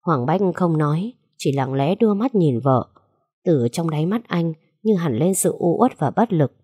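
A woman narrating a story in a steady, unhurried reading. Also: low-pitched, slightly rough, no echo, clean studio sound.

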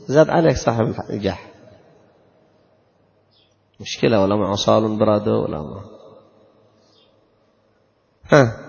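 A man teaching Islamic law to a class, quizzing his students and repeating rules slowly. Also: fairly low pitch, animated, vocal fry, darkish tone. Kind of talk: classroom lesson with questions to students. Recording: dull lo-fi recording, long reverb.

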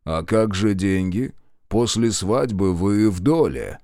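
A man voicing a cunning detective in a read-aloud story. He questions slowly and slyly, his voice a little below the reader's own. The sound is dry and close. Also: lowish voice, expressive, dark tone, no room sound. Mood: probing. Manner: probing, slow, sly. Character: cunning, intimidating male detective.

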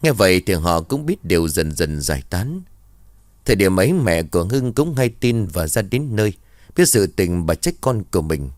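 A man with a very deep voice narrates a somber story in a steady, even manner. The sound is close and dry, with no room around it. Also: moderate pace, no room sound.

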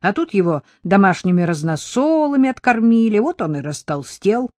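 The audiobook reader voicing an older male hospital orderly who talks roughly and bluntly. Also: medium pitch, big pitch swings, moderate pace, a little mellow, dry recording, clean studio sound, lightly acted.

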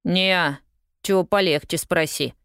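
A woman's voice: lowish voice, unhurried, a bit bright, clear, resonant tone, no echo, clean studio sound. Woman doing a cocky, scoffing street newsboy. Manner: scoffing, slangy, drawling.

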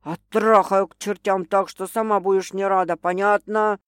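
Woman reader doing a gruff, jealous male boss, low and menacing, dry close sound. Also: steady tone, normal speed, no echo, close to an everyday voice. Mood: menacing possessive. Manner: growling, snapping, hissing threats. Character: domineering possessive drunk male boss.

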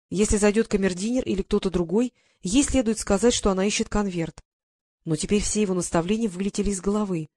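A woman narrating a romance novel in a measured, even reading. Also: medium pitch, no echo. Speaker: audiobook reader. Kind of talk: scripted narration.

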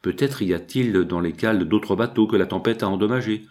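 A clumsy old sea captain, embarrassed but patiently explaining things. A man reads him in a low, plain voice. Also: fairly quick, a little mellow, lightly acted. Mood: sheepish.

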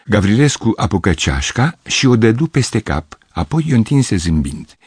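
Deep, husky man narrating a story. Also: no echo, studio quality. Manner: measured, expressive storytelling. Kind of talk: audiobook reading.

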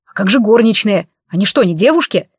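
A woman voicing a big, hot-headed male half-dragon who booms and grumbles in an audiobook. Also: expressive, fairly quick, slightly rough, no room sound, studio quality. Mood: baffled. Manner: booming, exasperated.

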